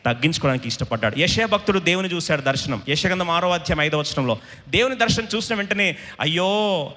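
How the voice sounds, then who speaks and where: A man preaching a sermon in an emphatic style, questioning the congregation and rising to shouts. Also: a little high, expressive, very fast, big-room sound.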